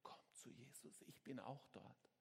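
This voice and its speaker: A man preaching a sermon as a pastor, swinging between hushed words and sudden shouts to his congregation. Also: medium pitch, a little slow, vocal fry, breathy edge, in a whisper, long reverb tail. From Switzerland.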